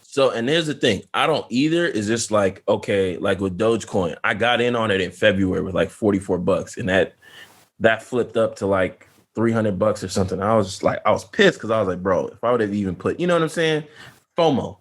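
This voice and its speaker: A young man with a slightly low voice talks through his ideas on a casual podcast. He is loose and animated, and he fills his speech with "like" and "you know what I'm saying". He sounds relaxed and conversational. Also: a little fast. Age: young adult. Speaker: podcast co-host. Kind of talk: casual chat.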